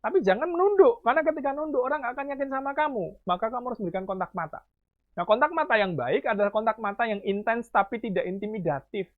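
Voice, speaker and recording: Fast-talking man, phone-tinny audio. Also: extremely high pitch. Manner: talks very fast, admits it himself; lively, coaxing, calls listeners "Dek". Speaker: public speaking trainer. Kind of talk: talk to high school students.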